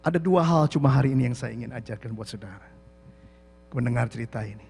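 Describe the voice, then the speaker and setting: A man preaching a sermon as pastor, animated, acting out the quotes, sometimes shouting, and mixing English phrases into his talk. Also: mid-range voice, fast talker, gravelly, breathy edge. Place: church hall. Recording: echoey church hall.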